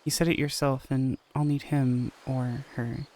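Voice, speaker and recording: A man's voice: mid-range voice, little pitch movement, a little slow, darkish tone, close to an everyday voice. A man reading the lines of an earnest young male soldier who pleads with the woman he loves, in an audio story. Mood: pleading.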